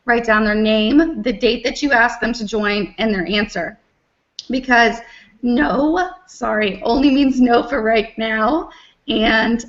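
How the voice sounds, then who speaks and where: A woman's voice: fairly high pitch, fairly bright tone, lo-fi sound. A woman sales director who is losing her voice, eagerly giving a tip in a round table chat.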